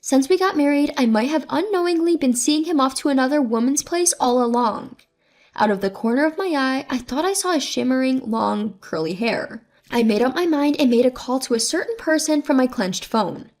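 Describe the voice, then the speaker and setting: Woman storyteller, fairly high voice, steady scripted reading. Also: moderate pace. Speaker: story narrator. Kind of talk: scripted first-person story narration.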